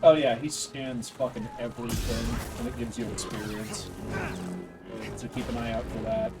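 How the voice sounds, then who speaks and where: A man's voice: medium pitch, steady tone, normal speed, recorded from a distance. Joking man commentating a game stream. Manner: joking, rambling, swears. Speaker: stream host. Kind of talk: casual gaming commentary. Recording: stream mic with faint game music.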